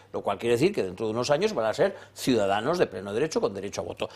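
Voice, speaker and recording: A man from Valencia, Spain, arguing forcefully as a commentator on a political panel, repeating phrases for effect. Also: on the high side. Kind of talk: heated political panel debate.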